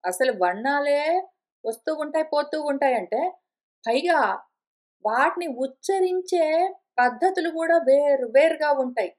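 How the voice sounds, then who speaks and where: A woman giving a conversational scripture lesson, repeating and rephrasing her points and slowing down to recite verses. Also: sits high, expressive, a little mellow. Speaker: teacher of scripture. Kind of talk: explanatory spoken lesson.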